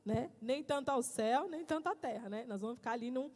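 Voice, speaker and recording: A woman preaching a church sermon on marriage, animated and laughing as she tells stories. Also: high-pitched, fast. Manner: animated, storytelling, laughs often. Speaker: pastor's wife preaching. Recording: church hall reverb.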